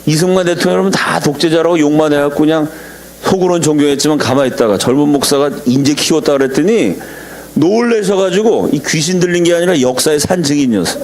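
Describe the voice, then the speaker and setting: A middle-aged pastor delivers a storytelling sermon in a voice pitched a little high for a man. He talks animatedly and jumps into sudden high shouts when he acts out quotes. A faint ambient hum sits under his voice. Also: fast.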